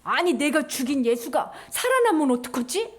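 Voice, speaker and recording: A woman voicing a worried, scheming male high priest in a Bible story for children. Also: big pitch swings, normal speed.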